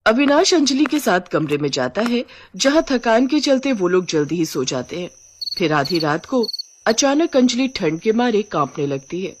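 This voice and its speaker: A woman narrates an animated storybook at a brisk pace. Her voice sits in an ordinary middle range. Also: medium pitch.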